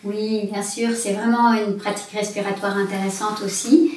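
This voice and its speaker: A woman's voice: medium pitch, level tone, normal speed, darkish tone. A woman instructor giving guided breathing instruction in a conversational, step-by-step way. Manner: explanatory, with guiding step-by-step phrases. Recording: very echoey room, distant mic, faint noise.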